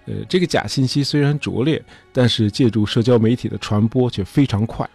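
Husky man telling history casually. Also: mid-range voice, fairly quick, a little mellow, faint music behind. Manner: chatty, many fillers like "呃" and "哎". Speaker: history show host.

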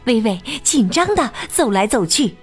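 A woman teacher reading a children's picture book aloud, expressive and sing-song with plenty of exclamations. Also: a little high, moderate pace, breathy edge, faint music behind. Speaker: storyteller teacher.

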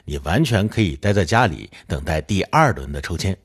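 A man playing a glib television news anchor with smooth announcer delivery, in an audio drama. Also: low-pitched, sing-song, a little fast, heavily acted. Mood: announcing.

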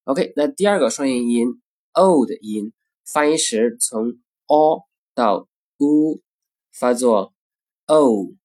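Guy teaching pronunciation, breathy voice, super slow, says every word twice. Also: mid-range voice, lively intonation, darkish tone. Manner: models each example word twice, deliberate. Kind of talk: pronunciation lesson.

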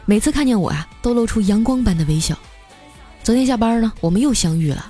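A young woman host telling a comic story in a chatty way, stretching her sentences with drawn-out particles. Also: a little high, lively intonation, dark tone, slightly rough. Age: young adult. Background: faint background music.

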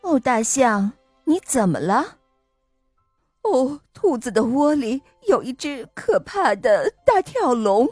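A woman voicing a calm, knowing mother frog who opens her lines with a gentle, drawn-out oh. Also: high-pitched, husky, no echo, soft background music, exaggerated voice. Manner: gentle, drawn-out 'oh' openings.

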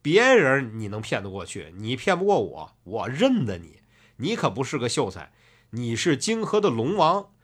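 Storyteller playing a cool sneering fortune teller, unhurried, lively pitch. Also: male voice, slightly rough. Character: calm, sneering old male fortune teller.

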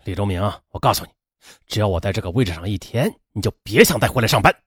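A man's voice: on the low side, wildly swooping pitch, measured pace, warm tone, husky, no echo, studio quality, voice pushed down, heavily acted. A man voicing an arrogant, scheming boss who speaks in a cold, clipped, contemptuous way.

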